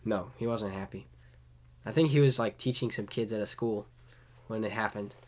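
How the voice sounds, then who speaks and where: A man's voice: fairly low pitch, normal speed, a little mellow. Young guy, casual podcast co-host, crude rambling banter. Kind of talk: casual chat.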